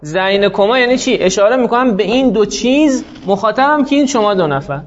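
A man teaching a classroom grammar lesson, explaining step by step and slowly spelling out example words. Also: high voice, expressive, dull audio.

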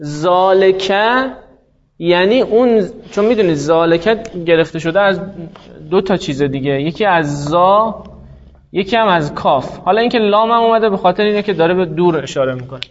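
A man with a high-pitched voice teaches a grammar lesson in a patient, explanatory way, pausing to draw out example words slowly. The recording sounds dull and lo-fi, with little top end. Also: animated.

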